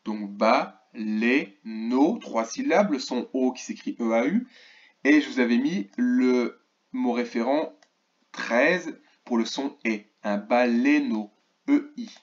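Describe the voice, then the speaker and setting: A primary school teacher with a mid-range voice records a remote lesson for first graders, speaking slowly and clearly, stretching out key words and pausing to pose questions to the absent class. The recording sounds dull and lo-fi.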